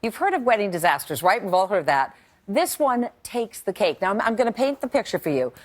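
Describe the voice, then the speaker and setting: Lively woman talk show host. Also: mid-range voice, fairly quick. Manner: lively, playful, teasing storytelling. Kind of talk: live studio talk show hosting.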